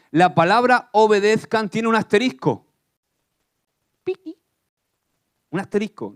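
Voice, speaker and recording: A man from Spain preaching a sermon in church, animated and often asking the congregation questions. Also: high voice. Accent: Spanish from Spain. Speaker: pastor.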